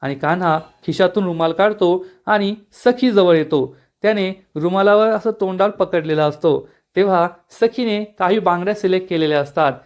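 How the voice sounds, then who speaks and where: A man's voice: sits high, normal speed. A man retelling a TV serial episode as a plain, storytelling narration. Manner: plain storytelling narration, reads out the characters' lines.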